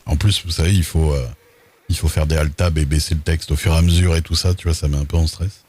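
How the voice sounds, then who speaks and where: A man's voice: very deep voice, steady tone, fast talker, darkish tone, husky. A man streaming a roleplay game, talking casually in a rambling, self-deprecating way while nursing a cold and a sore throat. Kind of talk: casual chat between roleplay scenes.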